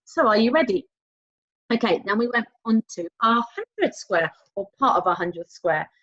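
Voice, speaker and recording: A woman leads young pupils through a recorded maths lesson, speaking straight to them with sing-song encouragement, elongated key words and prompting questions. Her medium-pitched voice is animated and fairly bright. It is captured with dull, lo-fi sound.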